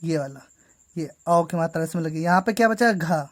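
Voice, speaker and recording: A woman's voice: low voice, normal speed. A woman teaching a grammar lesson to school students, patiently going through each step and repeating "ठीक है".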